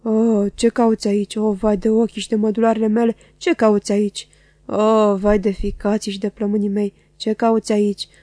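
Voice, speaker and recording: A woman's voice: mid-range voice, level tone, mellow, no echo, clean studio sound, natural voice. A woman voicing a ragged old male junk dealer who groans and wails in a rising and falling singsong. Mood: wailing.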